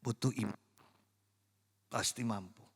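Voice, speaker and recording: A man preaching a sermon as pastor, dropping to hushed, slow stresses and rising to loud, high exclamations. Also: steady tone, creaky, slightly rough. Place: church sanctuary. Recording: reverberant church hall.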